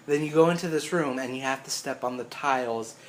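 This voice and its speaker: A man's voice: medium pitch, a little fast, slight background noise. Rambling, laughing young man. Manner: rambling, swears freely, laughs often. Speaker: co-host. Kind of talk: casual gaming chat.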